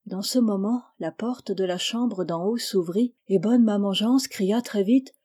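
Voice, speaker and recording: A woman narrating a storybook audiobook. Her voice is mellow and warm, and her reading is measured and gentle. She keeps an even, unhurried pace. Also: medium pitch, breathy edge. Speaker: audiobook reader.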